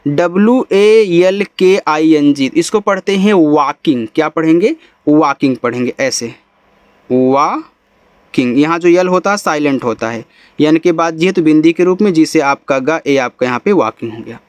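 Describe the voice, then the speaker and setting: A man's voice: fairly high pitch, normal speed, dry recording. A man teaching English reading in a patient lesson, spelling each word letter by letter, then sounding it out and repeating it. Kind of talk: Hindi-language phonics lesson, spelling out English words letter by letter.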